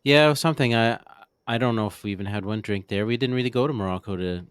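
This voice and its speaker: Casting: male interviewer, fairly deep, casual questioning, dry studio-like sound. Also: quick pace, clear, resonant tone, dry recording. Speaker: host asking questions.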